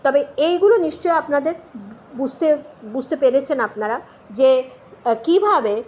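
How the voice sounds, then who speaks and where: With a high-pitched, slightly mellow voice, lively intonation, and a moderate pace, a woman teaches English pronunciation aloud. She spells words letter by letter, repeats sounds patiently, and checks often that her listeners are following.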